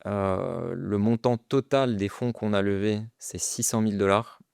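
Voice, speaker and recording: A French man, a startup founder, talking casually as a guest in an interview, pausing often with fillers and restarts. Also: lowish voice, steady tone, vocal fry, darkish tone, clear, resonant tone, dry recording, studio quality. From France. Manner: hesitant, many fillers and restarts. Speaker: guest entrepreneur.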